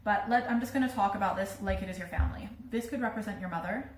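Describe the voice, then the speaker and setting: A woman's voice: mid-range voice, fast talker, echoey room. A woman with a British accent giving a casual tarot reading, talking in a chatty way with many fillers. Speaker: tarot reader.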